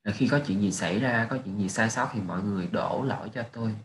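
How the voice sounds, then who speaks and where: A man with a fairly low voice explains test answers step by step, reading English phrases. The recording sits in an echoey room with a faint hiss. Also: quick pace. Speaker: English teacher. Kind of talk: exam answer walkthrough.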